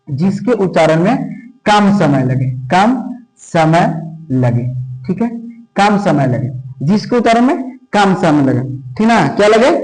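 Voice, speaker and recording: Male teacher, high voice, repeats key terms, asks and answers himself, classroom lesson. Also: a little mellow, low-quality recording.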